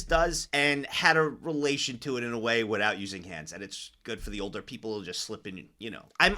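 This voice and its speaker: A man with a bright, tense voice delivers casual reaction commentary like a streamer. He is blunt and profane, ranting and circling back over his points. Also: medium pitch.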